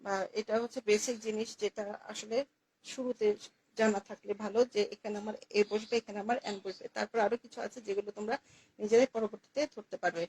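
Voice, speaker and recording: A woman's voice: mid-range voice, fairly even intonation, fast, darkish tone, a little hiss or hum, rough recording. A woman teaching English grammar to young students, patiently repeating key words and answering her own questions. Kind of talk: classroom lesson explaining articles.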